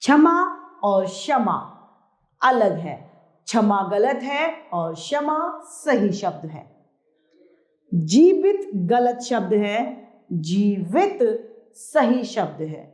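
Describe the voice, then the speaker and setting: A woman teaching a children's grammar lesson, talking slowly and putting heavy stress on each key word. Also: mid-range voice, very animated, darkish tone, echoey room. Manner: slow, emphatic, stresses key words.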